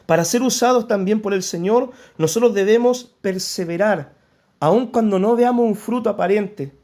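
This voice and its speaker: A Chilean man preaching from the pulpit in a notably high voice. He speaks earnestly, turning pleading when he voices prayers. He peppers his points with quick "¿cierto?" check-ins to the congregation. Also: dark tone. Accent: Chilean Spanish. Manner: preaching with frequent "¿cierto?" asides. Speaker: pastor. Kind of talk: sermon.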